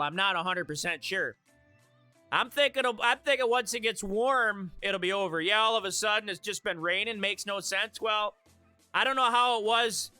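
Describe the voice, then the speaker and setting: A man with a very high, bright, sharp-edged voice chats loosely with his live-stream viewers and laughs at his own jokes. The sound is close and dry, with faint music playing underneath. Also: no echo. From Michigan.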